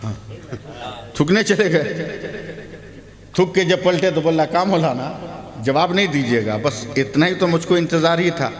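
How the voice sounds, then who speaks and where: A man giving a humorous sermon at a public gathering, telling a story and acting out the dialogue, often rising to shouts. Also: a little high, moderate pace, long pauses. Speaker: Islamic preacher. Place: large hall at a public gathering. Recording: long hall reverb with loud crowd.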